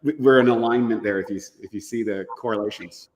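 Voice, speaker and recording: A man's voice: lowish voice, fast, big-room sound. A man talking about supplements as a guest expert on a health show, earnest and explanatory. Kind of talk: casual health talk.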